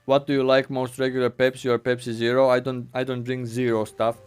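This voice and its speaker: A man's voice: medium pitch, flat delivery, fairly quick, a little mellow, clean tone, soft background music. Rambling male game streamer, mouth full. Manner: rambling, full of fillers and restarts, talking with his mouth full. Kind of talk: casual live-stream chat. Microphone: desk mic.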